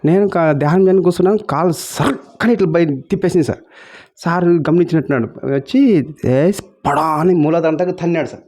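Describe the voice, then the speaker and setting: A man from Kurnool, India, shares his own meditation experience as a personal testimony, repeatedly addressing the listener as "sir" and acting out the dialogue he quotes. His voice is on the high side, fairly quick and a little mellow.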